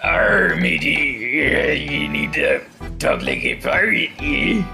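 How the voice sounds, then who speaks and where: A man voicing a gruff male pirate, growling in drawn-out pirate talk. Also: fairly high pitch, huge pitch swings, music in the background, heavily acted. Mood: mock gruff.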